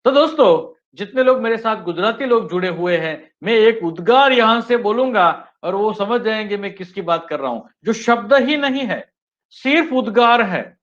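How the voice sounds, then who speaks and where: High-voiced man giving an online training talk. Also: expressive, normal speed, fairly bright tone. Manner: addresses listeners as friends, often repeating "yes friends"; switches between Hindi and English sentences. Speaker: teacher trainer. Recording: dull lo-fi webinar audio.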